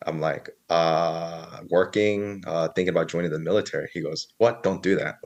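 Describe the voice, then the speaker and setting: A man's voice: sits low, fairly even intonation, normal speed. A man in his early thirties, a podcast guest telling his story in a casual, rambling way, full of fillers and quoted dialogue. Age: 30s.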